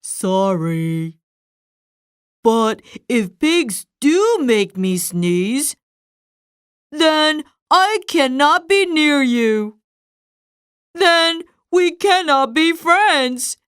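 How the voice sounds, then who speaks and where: A woman voicing an anxious, melodramatic male elephant with a cold, sneezing and halting as she reads a storybook aloud. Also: high-pitched, lively intonation, a bit bright, no room sound, studio quality, exaggerated voice. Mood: melodramatic farewell. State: sneezing, stuffy.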